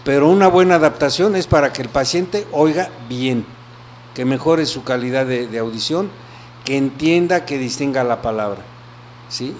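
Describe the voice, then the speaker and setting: A man, an audiologist answering interview questions in an explanatory way, often checking in with a quick question. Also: medium pitch, a little hiss or hum. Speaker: audiologist guest.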